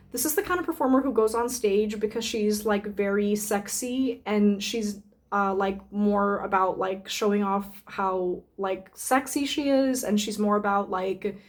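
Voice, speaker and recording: A woman's voice: a little high, darkish tone. A woman burlesque performer chatting casually on her vlog, thinking aloud with lots of fillers and the odd swear word. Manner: rambling, many fillers, swears freely, thinks aloud while sniffing samples. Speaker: burlesque performer reviewing perfume samples. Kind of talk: casual unscripted vlog chat.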